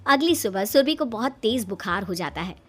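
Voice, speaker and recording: A woman narrating a cartoon story with an even, scripted storytelling delivery. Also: mid-range voice, normal speed.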